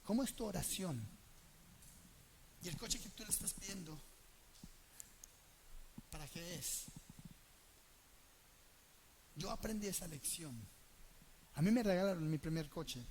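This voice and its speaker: Male preacher, high voice, lively storytelling sermon at a church. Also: measured pace, creaky, pauses often, slight background noise. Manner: animated, asks the congregation questions and acts out dialogue. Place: church gathering.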